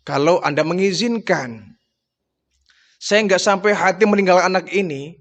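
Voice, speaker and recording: A man's voice: high voice, natural voice. A man voicing a grieving, devoted nursing mother who pleads through tears, in a retold religious story. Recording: long hall reverb.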